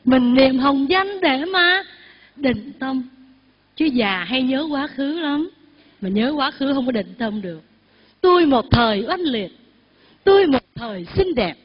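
An older woman, a Buddhist nun, leads call-and-response recitation during a Dharma talk, her high voice carrying a breathy edge. Faint music plays in the echoey hall, and the recording sounds dull and lo-fi.

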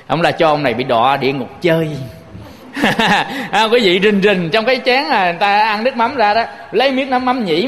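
High-voiced Southern Vietnamese monk preaching. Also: male voice, a bit bright, in a large hall. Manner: storytelling, addresses listeners often. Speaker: Buddhist monk. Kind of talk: sermon.

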